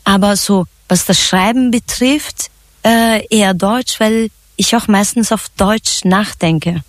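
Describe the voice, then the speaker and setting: A woman from Turkey, a singer and songwriter, answering radio interview questions in a relaxed, chatty way with frequent laughs and fillers. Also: medium pitch, slow pace, dry recording.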